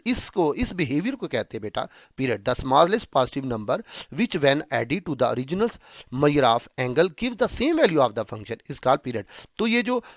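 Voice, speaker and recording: A man giving a math lecture. He calls his students "beta", asks them questions and answers them himself, and reads English definitions out slowly. He speaks Hindi-Urdu with a Pakistani Punjabi accent. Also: mid-range voice, dry recording. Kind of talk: classroom lecture.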